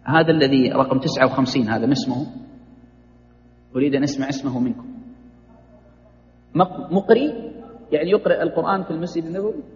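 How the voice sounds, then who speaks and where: A man's voice: medium pitch, very fast. A man teaching Islamic jurisprudence in a classroom lecture, quizzing his students, praising their answers and correcting how they pronounce names. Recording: dull roomy hall recording.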